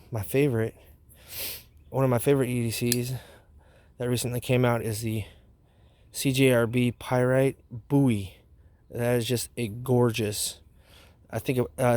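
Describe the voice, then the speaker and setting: A man's voice: medium pitch, darkish tone, no echo. A man hosting a casual product review vlog outdoors, talking with a wad of chewing tobacco dip in his mouth. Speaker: knife review channel host.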